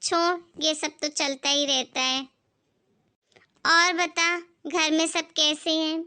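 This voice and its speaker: A woman voicing a bossy, stingy middle-aged mother-in-law in an amateur family skit, speaking slowly in a scolding, dismissive way. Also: high voice, steady tone, bright, forceful tone, full character voice.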